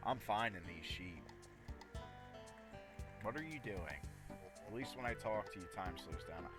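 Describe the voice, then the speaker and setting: A man's voice: lowish voice, lively intonation, measured pace, over music. A man giving casual, rambling live commentary as he plays a game, often talking to himself. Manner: rambling, talks to himself while playing. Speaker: gaming streamer.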